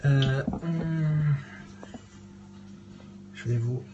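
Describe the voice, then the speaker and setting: A man's voice: fairly high pitch, very slow, dull audio, music in the background. A man hosting a casual cooking live stream in his cluttered kitchen at home, hesitating often with fillers as he chats with viewers. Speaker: livestream host cooking. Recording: echoey home room.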